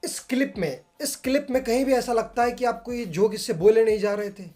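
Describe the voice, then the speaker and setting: A man's voice: very high-pitched, brisk, dark tone, faint music behind. A man hosting a reaction video, chatting casually in an exasperated and profane way.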